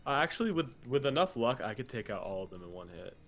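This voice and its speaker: A man's voice: medium pitch, sing-song, fast, fairly bright tone, soft background music. A man playing in a tabletop game, talking casually and hesitantly, often trailing off and restarting.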